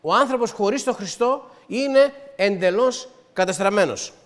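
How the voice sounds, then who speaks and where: High-voiced male preacher in a reverberant hall. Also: lively intonation. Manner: earnest, explains scripture step by step. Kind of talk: sermon with opening prayer.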